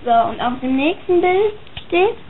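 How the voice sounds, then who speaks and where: A woman's voice: very high voice, animated, normal speed, a little hiss or hum. A woman chatting casually and hesitantly as she comments on her own drawings and reads their captions aloud. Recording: tinny phone-like sound.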